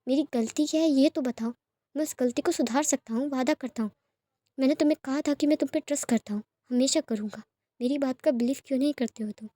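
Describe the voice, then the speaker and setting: A woman voicing a soft-spoken, polite and persistent young nobleman in a storybook reading. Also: sits high, fast talker, no room sound. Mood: longing.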